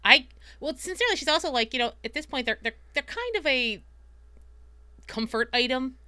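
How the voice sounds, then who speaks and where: A woman with a bright, smooth, fairly high voice rambles happily through her character's choices. She corrects herself often, and the recording is dry and close. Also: very animated, fairly quick, dry recording. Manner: chatty, rambling, self-correcting. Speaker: player. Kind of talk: narrating a tabletop game.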